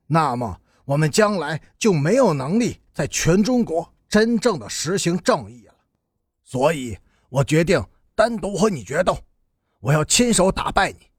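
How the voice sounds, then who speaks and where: Male narrator doing a righteous young hothead, stern and indignant, husky voice, storybook reading. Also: a little high, dry recording, studio quality, exaggerated voice. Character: righteous angry young man challenging a rival.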